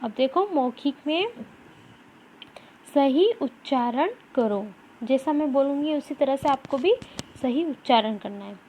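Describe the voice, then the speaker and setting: Slow high-voiced woman teaching children to read. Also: lively intonation, a little mellow, slight background noise. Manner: drawn-out syllables, repeating words aloud for children. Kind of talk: children's Hindi reading lesson.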